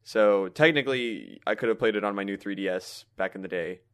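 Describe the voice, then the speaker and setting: A lower-pitched man co-hosting a casual podcast chat. He tells long, animated stories and rambles as he goes. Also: brisk, smooth. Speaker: podcast co-host.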